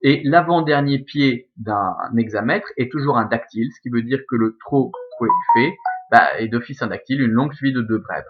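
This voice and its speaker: A male Latin teacher talks through verse scansion in a recorded lesson. His voice sits at an average pitch and he keeps checking that his class follows. The sound is dull and lo-fi. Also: normal speed, music in the background. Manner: explanatory, checks understanding with frequent "ok?" and "d'accord?".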